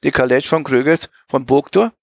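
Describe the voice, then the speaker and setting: A man doing a stern Low German merchant consul. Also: normal speed, vocal fry, no echo, studio quality, natural voice. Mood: commanding. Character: stern middle-aged merchant consul, indignant.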